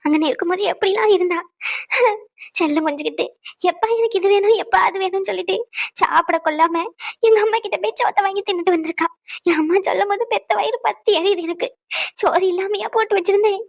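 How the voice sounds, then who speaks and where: A woman's voice: extremely high pitch, quick pace, gravelly. A woman voicing an indignant middle-aged cartoon mother who complains in a scornful way. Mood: bitter.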